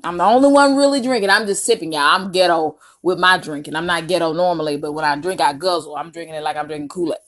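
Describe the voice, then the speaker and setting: Young Southern woman telling an animated story. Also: lowish voice. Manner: animated, slangy, exasperated emphasis with drawn-out words and asides. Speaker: storytime vlogger. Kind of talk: casual, unscripted personal storytelling to viewers.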